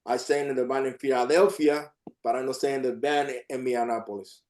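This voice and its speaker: A man's voice: medium pitch, steady tone, a little fast, darkish tone. A man, an artist, chatting casually and rambling on a video call, often repeating himself. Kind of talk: casual chat.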